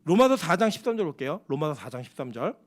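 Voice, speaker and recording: A male pastor preaching a sermon, emphatic and animated, asking the congregation rhetorical questions. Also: a little high, fast.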